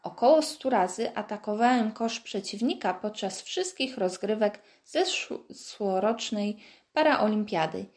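A friendly, good-humoured bearded man speaks with easy calm, as a woman reads his lines. He sounds patient and unruffled, a gentle athlete in a storybook. The delivery stays steady and warm-hearted. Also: medium pitch, a little slow, close to an everyday voice. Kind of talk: storybook reading.

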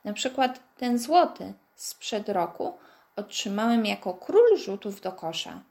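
A friendly, good-humoured bearded man speaks with easy calm, as a woman reads his lines. He sounds patient and unruffled, a gentle athlete in a storybook. The delivery stays steady and warm-hearted. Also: mid-range voice, slow pace, gravelly, exaggerated voice. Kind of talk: storybook reading.

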